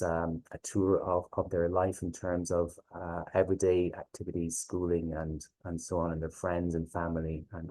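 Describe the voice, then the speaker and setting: A man with a low, very mellow voice and a west of Ireland accent. He presents informally like a teacher, hesitating as he goes and often checking that listeners follow. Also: low-quality recording. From Galway, west of Ireland. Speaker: teacher presenting a reading series.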